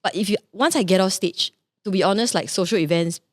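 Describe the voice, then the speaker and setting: Fast-talking woman podcast co-host. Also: medium pitch, no echo. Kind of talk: casual chat.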